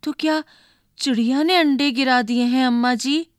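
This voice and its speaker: Brief: woman playing a high-pitched, tearful little girl, a storybook tattletale. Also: fairly even intonation, moderate pace, smooth, dry recording, clean studio sound, close to an everyday voice. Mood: excited, anxious.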